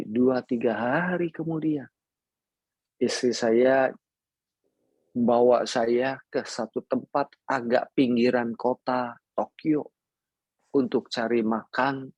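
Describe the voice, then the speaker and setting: A man's voice: medium pitch, creaky, darkish tone, no room sound. A man preaching a sermon, telling personal stories in a playful way and mixing in English words.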